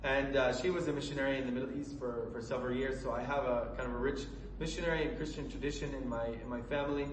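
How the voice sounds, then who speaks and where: A man from Colorado preaching a sermon in an earnest, halting way, with many fillers and restarts. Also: mid-range voice, steady tone, far from the mic, slight background noise. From Colorado, USA. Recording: echoey room from away from the mic.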